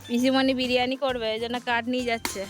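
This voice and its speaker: A woman's voice: on the high side, level tone, quick pace, low-quality recording. Chatty woman vlogging over background music. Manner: chatty, addresses viewers as friends; instructs a small child while picking vegetables. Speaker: home vlogger. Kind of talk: casual home vlog. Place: home and garden.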